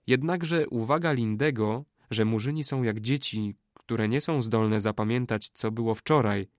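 Male audiobook narrator, steady measured storytelling, mid pitch, dry close recording. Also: no room sound. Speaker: audiobook reader. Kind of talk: scripted narration.

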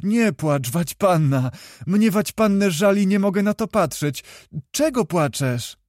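A man voicing a lively, chatty young noblewoman in a read storybook, talking quickly like a chirping bird. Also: sits high, no echo, studio quality, pitched above the performer's own voice. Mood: comforting.

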